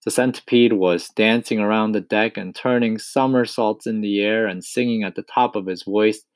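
A man reading a children's storybook aloud as host, in a calm, unhurried narration. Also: fairly low pitch, dry recording.

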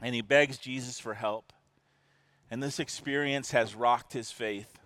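A man's voice: medium pitch, fairly even intonation, a little slow, a bit bright. A man preaching a sermon as a pastor, earnest, often restarting and repeating his words.

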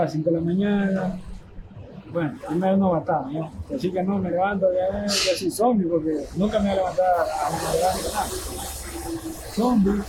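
A man telling a story casually, acting out quotes in a raised voice. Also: sits high. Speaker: guest telling his boxing story. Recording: noisy background hiss.

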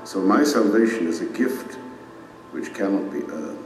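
A man's voice: sits low, lively intonation. Solemn, majestic king in a vast hall. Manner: solemn, declamatory, deliberate. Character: majestic stern king and divine judge pronouncing sentence. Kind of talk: audio drama acting. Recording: echoey reverberant hall, distant, music underneath. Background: dramatic music.

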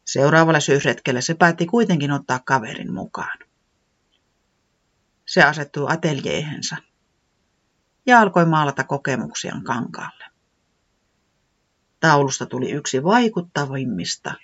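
Storyteller, children's tale, gentle, expressive, lively pitch, dull lo-fi sound. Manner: gentle, expressive, sometimes dropping to a whisper.

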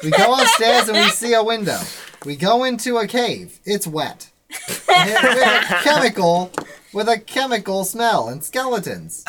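A player casually reading a recap of the last tabletop session, in a brisk list-like way with joking asides. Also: medium pitch, big pitch swings, noisy background.

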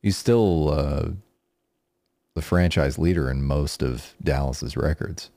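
A man's voice: very deep voice, takes it slowly, creaky, warm tone, dry recording. A man co-hosting a casual sports podcast, talking in a laid-back, profane way. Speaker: podcast co-host.

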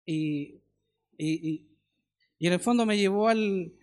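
A middle-aged man with a Chilean accent, preaching a sermon in a conversational way with homely stories and quick questions to his listeners. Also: sits high, darkish tone.

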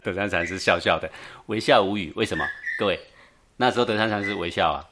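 A man giving a Buddhist dharma talk, telling a Zen tale in an animated way, chuckling and often checking that his listeners follow. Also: low-pitched, fast talker, noisy background. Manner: animated, keeps asking the audience for agreement, chuckles often. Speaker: Buddhist teacher.

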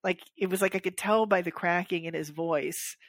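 A woman's voice: lowish voice, normal speed, no room sound, clean studio sound. A woman co-hosting a podcast, chatting casually and acting out the voices of people in her stories. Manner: animated storyteller, acts out quoted voices. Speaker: podcast co-host. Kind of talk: casual chat.

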